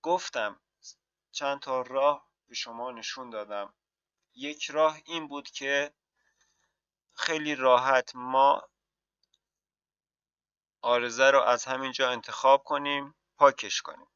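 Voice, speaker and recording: A man teaching mapping software in a screen-recorded tutorial, walking through each step and answering his own questions. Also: mid-range voice, steady tone, pauses often, clean tone, dry recording, dull audio. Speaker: software instructor.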